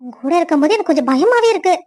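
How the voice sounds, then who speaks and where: Lady doing a young wife in a cartoon, super high voice, spirited and sulky. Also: rapid-fire. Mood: scolding. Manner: lively, teasing back. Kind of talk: cartoon story voice acting.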